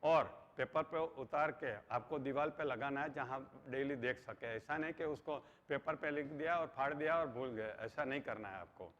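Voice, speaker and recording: A man's voice: mid-range voice, moderate pace, few pauses, a bit bright. A middle-aged man giving an earnest motivational lecture, mixing English phrases into his talk. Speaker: motivational trainer. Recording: dull sound with long hall reverb.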